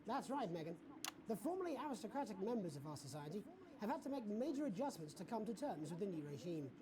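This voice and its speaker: An actor playing a doubtful British television news anchor with a dry manner. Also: male voice, sits high, very animated, quick pace, a crowd in the background. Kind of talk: comedy news presenting.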